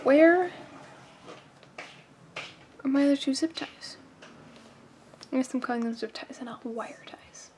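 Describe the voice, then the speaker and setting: A woman's voice: high voice, a little slow, pauses often, a little mellow, a little hiss or hum. A woman hosting a casual soldering tutorial, chatty and self-mocking, reading kit instructions aloud between jokey asides. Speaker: host.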